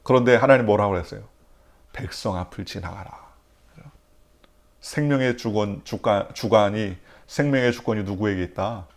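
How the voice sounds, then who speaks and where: A pastor delivers an early-morning church sermon in a lowish voice, brisk and with few pauses. He poses questions to the congregation and answers them himself, swinging between loud, emphatic lines and near-whispers.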